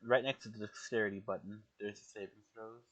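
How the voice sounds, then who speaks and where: A man's voice: on the low side, steady tone, brisk, a bit bright, a little hiss or hum. A man chatting casually as a tabletop game player, informal and prone to swearing.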